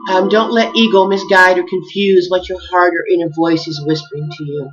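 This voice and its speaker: A woman giving an earnest, heartfelt spiritual message, measured and addressing her listeners warmly as beloveds. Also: lowish voice, steady tone. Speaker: spiritual speaker. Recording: dull lo-fi recording with faint music.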